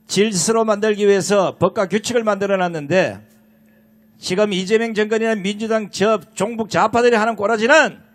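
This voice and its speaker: A man emceeing an outdoor political rally, shouting with crude, indignant fervor. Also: high voice. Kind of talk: fiery political rally speech. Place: outdoor rally in a station square.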